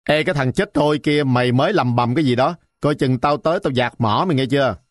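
A man voicing a shrill, sour-tongued old woman who bullies a village market, scolding and threatening. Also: fast, dry recording, clean studio sound, natural voice.

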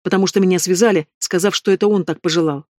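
A scared young woman, as a male reader puts her on in an audiobook, who still answers back. The male voice sits fairly high, and the recording is dry and close. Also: steady tone, quick pace, darkish tone, dry recording, natural voice. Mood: defiant. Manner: shaken, snapping back. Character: frightened defiant young woman. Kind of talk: audiobook reading.

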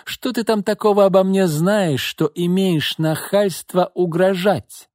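A man's voice: sits high, measured pace, darkish tone, no room sound, studio quality, voice pushed up. A man voicing a spiteful, drunken wealthy woman who speaks with cold contempt. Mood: shrill drunk.

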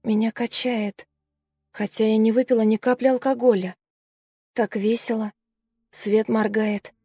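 A woman's voice: on the high side, warm tone, no echo, studio quality. A woman voicing a frightened young female student who recalls a terrifying night in a fragile, breathless way.

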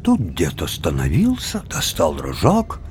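Deep-voiced, slow, theatrical male storyteller. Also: slight background noise. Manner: theatrical, lively intonation. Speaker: narrator. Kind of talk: expressive storytelling reading.

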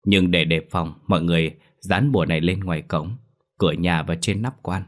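A man's voice: low-pitched, fairly even intonation, moderate pace, lightly acted. A man voicing a stern young male exorcist who talks in a brusque, commanding way, in a spoken ghost story. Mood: instructing.

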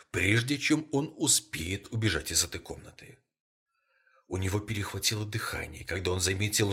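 A man narrating an audiobook story in a measured, somber way. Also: medium pitch, fairly bright tone, breathy edge.

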